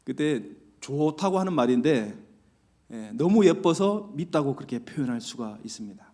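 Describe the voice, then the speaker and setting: A man's voice: medium pitch, expressive, normal speed, darkish tone. A man preaching a conversational church sermon, full of rhetorical questions and acted-out quotes. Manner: acts out quoted lines in varied voices. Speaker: pastor. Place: church sanctuary.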